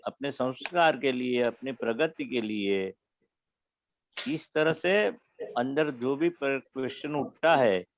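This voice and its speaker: A man giving a spiritual talk to young listeners, explaining slowly and repeating his key phrases. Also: medium pitch, a little hiss or hum. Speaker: spiritual teacher. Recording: dull lo-fi recording.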